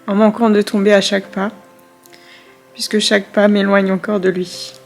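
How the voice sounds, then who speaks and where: A woman's voice: medium pitch, level tone, moderate pace, gravelly, faint music behind, close to an everyday voice. A woman reading aloud in the voice of an elderly grandmother who looks back on her life with grief and tenderness. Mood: wistful.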